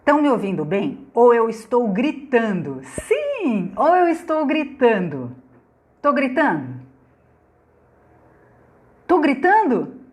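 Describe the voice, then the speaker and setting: A middle-aged Brazilian woman hosting a casual live stream from her phone, loud and chatty, greeting viewers by name and laughing often. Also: on the high side, big pitch swings, slow, long pauses. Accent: Brazilian Portuguese. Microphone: phone on laptop.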